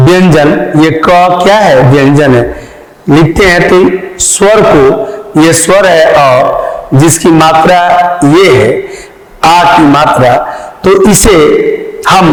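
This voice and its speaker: Male teacher, slightly high voice, unhurried explanatory delivery, recorded in a boomy room with a long reverb tail. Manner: explanatory, repeats key terms, addresses students. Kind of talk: Hindi grammar lesson. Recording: echoey hall.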